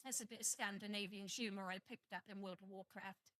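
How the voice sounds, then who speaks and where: A young British woman, half Welsh and half English, jokes around with viewers on a live stream and swears freely. Her British-accented voice is medium-pitched and a bit bright, with fairly even intonation and a fairly quick pace. There's no echo.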